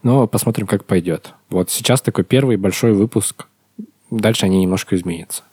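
A man in his thirties hosts a relaxed podcast, his voice husky and lower than most. He chats loosely, laughing and restarting his sentences, on a dry close microphone. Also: fairly quick, no echo. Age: 30s. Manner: chatty, laughs often, trails off in restarts. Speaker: podcast host. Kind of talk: casual podcast chat.

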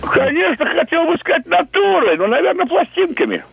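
A man's voice: extremely high pitch, sing-song, vocal fry. A man calling in to a radio show over the phone, speaking in a squeezed, strained voice and stumbling over his words. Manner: halting, repeats words. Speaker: radio caller. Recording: dull lo-fi phone line.

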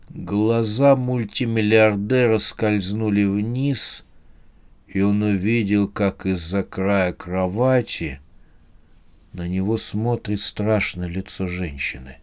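A man reading a comic horror novel aloud as an audiobook narrator, in a steady, measured way. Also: on the low side, smooth.

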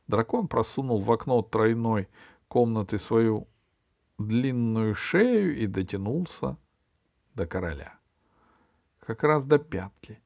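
A man narrating a children's storybook in a lively way. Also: fairly low pitch, creaky, dry recording, clean studio sound. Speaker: audiobook narrator.

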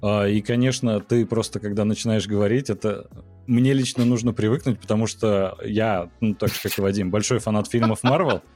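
A fairly low-pitched man hosts a film podcast in a friendly, chatty way. Light music plays faintly underneath his voice. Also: steady tone, brisk, a little mellow. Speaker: podcast host. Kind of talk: announcement then casual chat.

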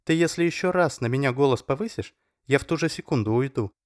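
A male reader voicing a frightened young woman who pleads in a high, strained voice. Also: big pitch swings, normal speed, no room sound, clean studio sound. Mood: indignant.

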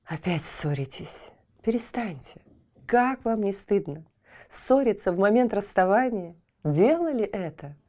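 Woman voicing a gentle, wise spirit of light. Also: mid-range voice, big pitch swings, measured pace. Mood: reproachful. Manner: gentle, reproachful.

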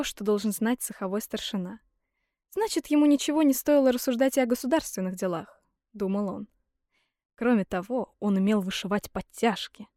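A woman reading a fairy tale aloud in a lively, theatrical storytelling manner. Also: a little high, no room sound, clean studio sound. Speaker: storybook reader.

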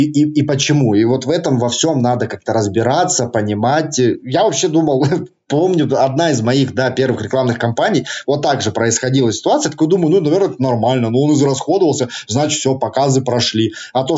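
A man's voice: mid-range voice, a little mellow, dull audio. A man with a slight lisp and slushy sibilants chats casually in an interview, using slangy, joking, colloquial phrasing. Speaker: targeted-ads specialist, interview guest.

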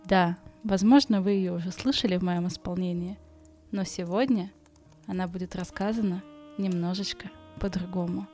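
Over background music, a woman with a warm, lowish voice informally tells a story for bedtime listening on her podcast. Her tone is steady and her pace moderate, and she chats in colloquial asides. Her r is burred and non-rolled, a speech impediment.

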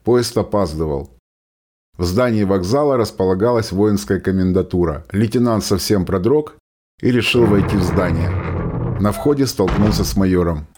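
This radio play features scripted storytelling of a war story, read by a man whose voice is fairly low with a darkish tone. He keeps a moderate pace.

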